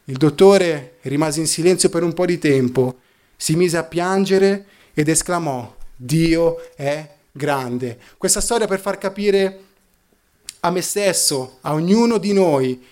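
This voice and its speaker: A man preaching a sermon, telling a story and reading scripture aloud, slowing down and dropping low for emphasis. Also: a little mellow.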